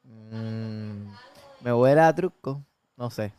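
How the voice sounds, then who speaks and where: Man co-host, playful and teasing, clear voice on a close mic. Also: mid-range voice, slow pace, warm tone. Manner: playful, teasing, mixes English words. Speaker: podcast co-host. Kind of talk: casual film chat, reading out viewer comments.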